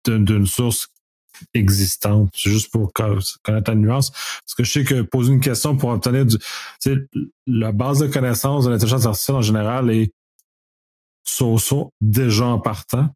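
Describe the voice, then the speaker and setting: A man with a Quebec French accent co-hosting a casual chat, feeling his way through his sentences a little haltingly. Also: medium pitch, mellow, dry recording. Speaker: podcast co-host.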